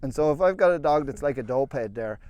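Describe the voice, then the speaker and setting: A man's voice: medium pitch, animated, quick pace, darkish tone. An Irish man who farms sheep, explaining his dog work casually with wry, colloquial storytelling out in open fields. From Ireland. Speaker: sheep farmer and sheepdog handler. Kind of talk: casual explanation while working dogs. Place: outdoors in open hill fields. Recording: outdoor recording with clear background noise.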